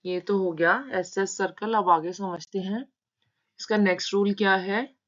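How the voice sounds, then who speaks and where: The shorthand lesson goes on step by step as she patiently takes words apart into sounds, spelling them out slowly. Her mid-range voice is steady and fairly bright; the sound quality is dull and lo-fi.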